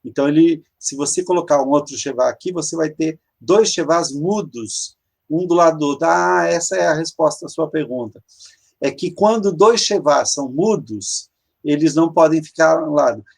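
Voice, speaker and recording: A Hebrew teacher giving an online grammar lesson. The teacher often stops to search for words and explains each step slowly. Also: mid-range voice, creaky, breathy edge. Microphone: video call.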